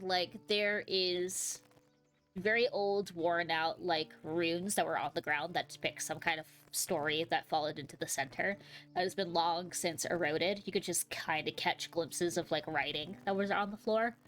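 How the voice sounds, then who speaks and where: Woman GM, lowish voice, meandering scene descriptions, frequent ums. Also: fairly even intonation, fairly bright tone, faint music behind. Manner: rambling, full of "like" and "um", unhurried. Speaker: game master. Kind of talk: narrating a tabletop game.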